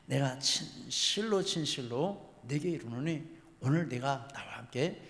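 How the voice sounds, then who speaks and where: A man voicing Jesus as a solemn man speaking slowly and softly, with long church reverb. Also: medium pitch, expressive, creaky.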